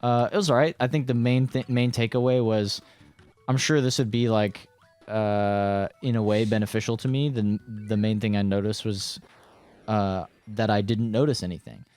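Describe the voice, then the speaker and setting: A man's voice: on the low side, steady tone, moderate pace, a little mellow, smooth, faint music behind. A young man chatting casually as co-host, rambling and joking crudely, with frequent restarts. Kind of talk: casual chat.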